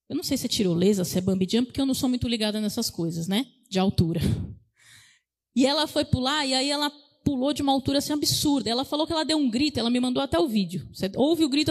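A woman preacher, delivering a sermon and exhorting the congregation, calling for amens and rising to loud declarations. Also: high voice, fast talker, long reverb tail. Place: church.

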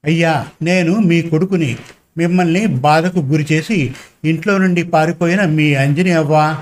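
A man reading a storybook and voicing a young man, a returned son, earnest and gentle. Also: on the high side, normal speed, lightly acted.

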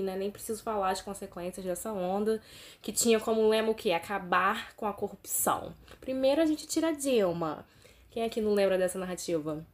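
A woman in her thirties from Brazil, with a Rio de Janeiro state accent, hosting a solo podcast in an animated, emphatic way and speaking straight to her listeners. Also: medium pitch. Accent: Brazilian Portuguese, Rio de Janeiro state. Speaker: podcast host and teacher.

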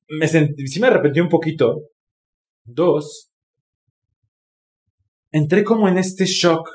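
A man's voice: a little high, a little mellow. A man with a Mexican Spanish accent telling a personal story candidly, with swearing and lots of expression. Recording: roomy echo.

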